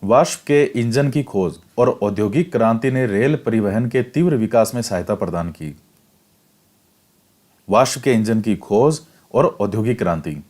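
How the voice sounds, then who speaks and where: Reading from a textbook in a classroom lecture, this fairly low-pitched male teacher keeps a steady, measured pace. After each line he explains it more plainly, going step by step and repeating the key points so they stick for exams.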